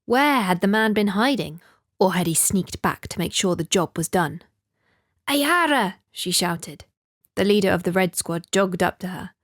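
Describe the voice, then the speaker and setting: A woman reading a novel aloud as an audiobook narrator in a measured, even storytelling manner. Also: fairly low pitch. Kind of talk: scripted narration.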